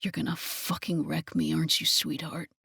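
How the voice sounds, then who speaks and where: Lady narrator doing a low gravelly older guy, bossy and hushed, dry close mic. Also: level tone, normal speed, no room sound, exaggerated voice. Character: much older man, a rough, commanding lover.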